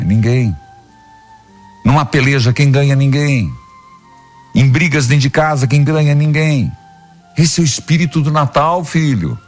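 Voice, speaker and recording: Husky priest preaching on radio. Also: male voice, medium pitch. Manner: fervent, scolding exhortations.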